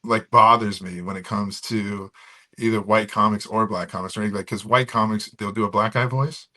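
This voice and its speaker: This man's voice is on the low side, steady in tone, pushed and bright, at a moderate pace. Chatting casually on a podcast, he wanders through fillers and restarts and drops into comic voices.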